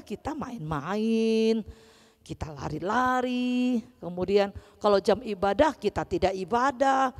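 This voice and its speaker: A woman leading a Sunday school Bible lesson for children, telling the story animatedly with playful voice shifts. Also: fairly high pitch. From Palembang, Indonesia. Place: church hall. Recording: reverberant church hall.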